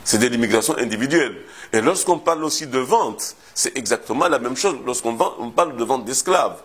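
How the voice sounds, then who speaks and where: Husky-voiced historian, halting and thoughtful. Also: male voice, mid-range voice, animated, fairly bright tone. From Comoros. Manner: measured, thoughtful, hesitates often with repeated words. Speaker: historian interviewed about his thesis. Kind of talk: interview answers.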